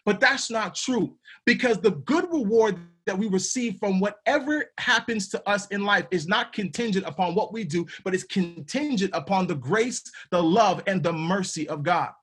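A man's voice: sits high, normal speed, few pauses, a bit bright, breathy edge. A man teaching a podcast Bible study in a casual, emphatic way, with slang and repeated words.

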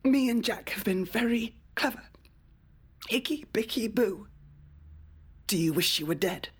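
An actress playing a bitter, unhinged young mother who speaks in hushed, menacing whispers. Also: a little high, expressive, a little slow. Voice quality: breathy.

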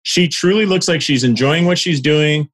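A man's voice: fairly high pitch, moderate pace. A man on a video call from his desk, giving a coach's feedback on a website. He is direct and encouraging, and he stammers a little as he starts his points.

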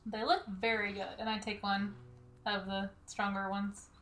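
A woman playing a tabletop game, answering with short, soft replies. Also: medium pitch, little pitch movement, measured pace, a little hiss or hum. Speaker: player.

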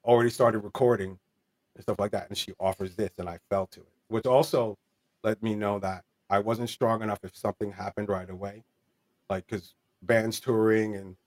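A man's voice: on the low side, fairly even intonation, normal speed, a little mellow. A man in his forties telling a candid personal story in an interview, earnest and rambling, with many fillers and restarts. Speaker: interview guest.

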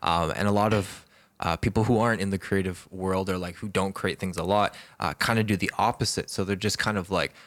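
Man, podcast host, lowish voice, chill slangy talk, swears a lot, lots of fillers. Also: steady tone, a little fast, a bit bright. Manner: laid-back, slangy, swears freely, many fillers. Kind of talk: casual podcast chat.

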